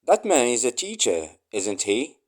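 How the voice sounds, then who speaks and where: A man with a mid-range voice and big pitch swings reads short English phrases for learners. He says each one three times, slowly and clearly.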